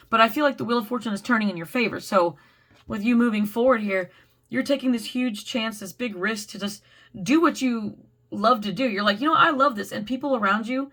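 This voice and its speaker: A woman's voice: fairly high pitch, a bit bright. A woman reader giving a casual spoken tarot reading, chatty and encouraging with a rambling flow. She is losing her voice.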